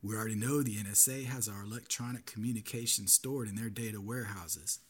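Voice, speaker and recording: Male solo podcast host, low and husky, earnest and cautionary delivery. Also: fairly even intonation, fast.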